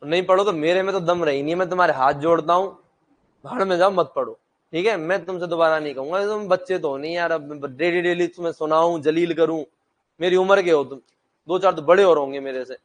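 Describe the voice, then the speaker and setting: A young man lectures a classroom in a fairly high, brisk voice. He's blunt and joking, posing questions to his students and then answering them himself.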